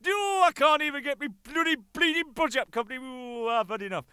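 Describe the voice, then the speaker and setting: A man voicing a homesick, grumbling middle-aged Englishman, whining in drawn-out oh's. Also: very high-pitched, expressive, pushed and bright, smooth, dry recording, voice pushed up, full character voice. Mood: furious. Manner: whiny moaning with drawn-out oh's.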